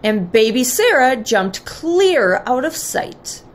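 A woman teacher reading a picture book aloud to children in an expressive, measured way. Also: high voice.

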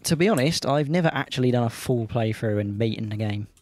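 A man's voice: medium pitch, expressive, fast talker, darkish tone. A man hosting a video-game channel, chatting casually and cheerfully while playing, laughing easily. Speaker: gaming channel host. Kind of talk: casual let's-play banter.

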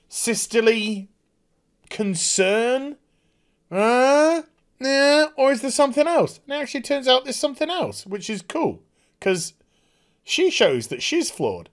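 A man giving a casual, swear-filled review of a TV episode and acting out the scenes as he goes. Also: extremely high pitch. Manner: animated, swears freely, acts out scenes in put-on voices. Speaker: TV show reviewer.

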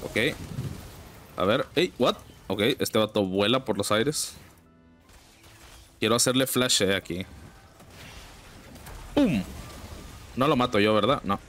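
A man's voice: lively intonation, slow, pauses often, fairly bright tone, soft background music. Young Mexican man commentating a game. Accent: Mexican Spanish. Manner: slangy, exclaims in sudden high bursts, complains about teammates. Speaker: gaming streamer. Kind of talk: casual gameplay commentary.

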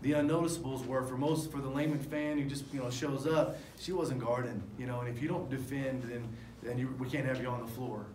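A man's voice: medium pitch, fairly even intonation, fairly quick, hardly any pauses, darkish tone. Middle-aged coach guy at a postgame presser, talks in loose restarts and um's, table mics, echoey room. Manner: candid, rambling with many fillers and restarts. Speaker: head basketball coach. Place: press room in front of a sponsor backdrop. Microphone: table microphones. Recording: echoey room with faint noise.

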